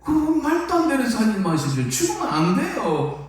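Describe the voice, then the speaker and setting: Brief: a pleading older disciple, high and urgent, as a man puts him on, echoing from far off in a hall. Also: big pitch swings, normal speed, a little mellow. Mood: protesting. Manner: pleading, stammering outbursts. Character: older male disciple, anxious and protesting.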